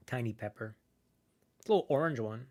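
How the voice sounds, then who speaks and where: A male streamer talks into a desk microphone in a loose, rambling way, swearing freely and padding his sentences with "like." He chews and munches on snacks between words, and his voice sits at a middle pitch. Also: a little fast, darkish tone. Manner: rambling, profane, full of "like" and restarts; chews and munches while talking. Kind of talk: casual live-stream chat.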